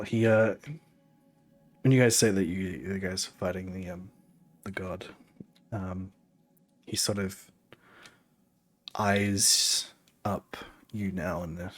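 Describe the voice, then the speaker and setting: A man narrating as game master of a tabletop game, slow and halting with many pauses. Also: deep voice, fairly even intonation, faint music behind.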